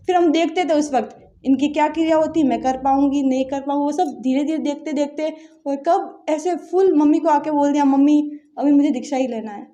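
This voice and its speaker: A woman's voice: high-pitched, fairly even intonation, normal speed, hardly any pauses, warm tone, muffled recording. A young woman from Rajasthan earnestly recounting a personal story in casual interview talk, acting out her family's words as she goes. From Barmer, Rajasthan, India.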